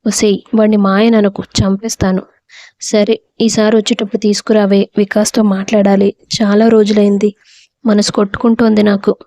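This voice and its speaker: A woman voicing a spirited, stubborn young bride in a storybook reading, sharp-tongued and earnest. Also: medium pitch, little pitch movement, normal speed, no echo, close to an everyday voice.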